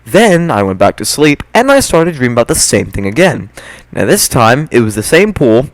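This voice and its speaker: A young man chatting casually in a storytime, recounting a dream in an animated, slangy way with puzzled asides. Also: mid-range voice, moderate pace, no echo, low-quality recording. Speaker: YouTube storyteller.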